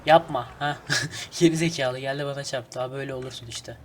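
A man casually commenting on his game as he plays, excitable and swearing at the traffic. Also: mid-range voice, fast talker. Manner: excitable, swears and grumbles at traffic, hums snatches of folk song. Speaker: gaming channel host. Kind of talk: casual let's play commentary.

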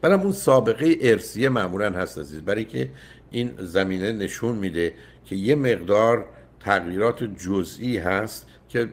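An older man hosting a call-in advice show, emphatic and often cutting in with repeated no's. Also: low voice. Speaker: radio psychologist host.

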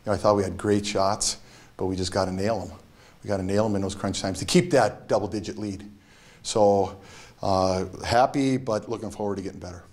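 A middle-aged man, a basketball head coach, giving a postgame interview in a halting, measured way with frequent restarts. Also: lowish voice, fairly even intonation, darkish tone. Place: press backdrop room.

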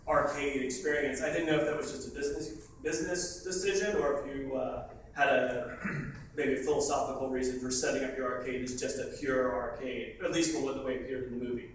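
A man in the audience asks a question in a flat, even tone, hesitant and searching for words. He sounds distant and echoey in a hotel meeting room. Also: medium pitch, a little fast, slight background noise. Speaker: audience member asking a question.

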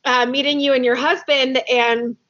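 Woman, podcast host, animated storyteller, slightly high voice, lo-fi audio. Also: moderate pace. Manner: animated storyteller who acts out quotes. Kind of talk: casual podcast chat. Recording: dull lo-fi audio.

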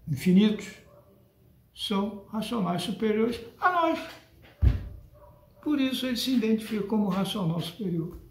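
A man's voice: sits high, darkish tone, reverberant. An older man with a Brazilian Portuguese accent lectures his followers on a spiritual book in an emphatic, scolding tone. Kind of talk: monologue addressed to followers.

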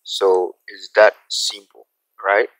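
A man teaching a graphic design software tutorial, talking through each step slowly and checking in with "okay?" as he goes. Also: on the low side, flat delivery, low-quality recording. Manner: unhurried, repeats steps, asks "okay?" often. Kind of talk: screen-recorded software tutorial.

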